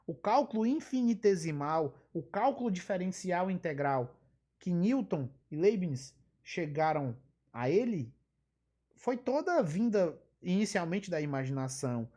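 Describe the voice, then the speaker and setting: A woman lectures live on physiology, her voice sitting a little low. She keeps repeating the key terms and drifts into asides. She pushes her points home with emphatic rhetorical questions. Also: animated, moderate pace, mellow.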